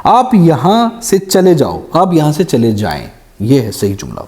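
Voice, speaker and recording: A young man teaching a grammar lesson for exam preparation. His voice sits somewhat high and moves around a lot, with a dark, mellow tone. He reads each sentence slowly before explaining the correction, dropping in English phrases. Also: huge pitch swings. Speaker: Urdu teacher.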